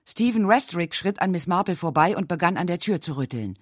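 A woman reading a mystery novel aloud as an audiobook narrator, in a dramatic, expressive way. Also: on the low side, fairly quick, dry recording, studio quality.

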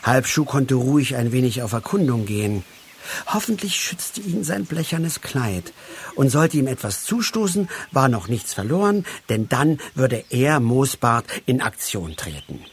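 A man narrating a storybook, reading aloud slowly and expressively. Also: mid-range voice, big pitch swings, slight background noise.

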